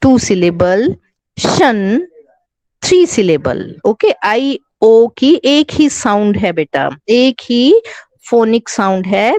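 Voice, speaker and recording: This is a dry recording, made on an online class microphone, of a woman whose mid-range voice is a little mellow. With an Indian accent, she patiently teaches children English online, slowly mixing Hindi and English, spelling words letter by letter, and calling them "beta".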